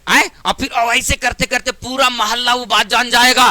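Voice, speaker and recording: A man's voice: very high-pitched, steady tone, moderate pace, bright, forceful tone, dry recording. A man with a Bihari accent teaching math to a class in a classroom, chatty and joking, sometimes scolding students. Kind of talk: classroom lesson.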